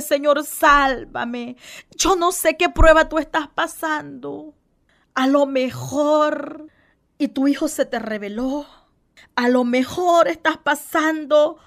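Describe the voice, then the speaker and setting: A woman preaching a fervent, pleading radio sermon. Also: high-pitched. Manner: fervent, pleading, with repeated exclamations of devotion.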